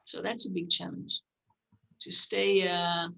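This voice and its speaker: A woman's voice: lowish voice, slow pace, creaky, rough recording. A woman telling stories with lots of fillers. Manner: animated storyteller, acts out her own quoted lines; many fillers and restarts. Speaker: medical clown. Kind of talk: interview, storytelling.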